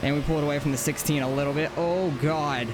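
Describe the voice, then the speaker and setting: Higher-pitched man casually commentating over engine noise. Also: steady tone, fast talker. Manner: informal, thinking aloud. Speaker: sim racing streamer. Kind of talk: casual live gameplay commentary. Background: racing game car engine.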